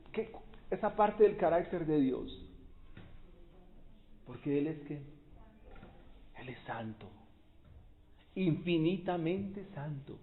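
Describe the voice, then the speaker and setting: Pastor, male, slow deliberate sermon delivery with a high voice and a phone-like sound. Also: slight background noise. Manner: preaching, rising to loud exclamations. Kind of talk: expository sermon. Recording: tinny phone-like recording.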